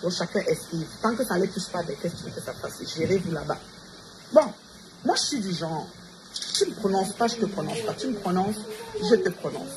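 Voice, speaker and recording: A woman's fairly low, expressive voice moves a little fast as she rants on a livestream in Montreal. Defiant, she calls out rivals by name and keeps challenging them, with noisy surroundings audible.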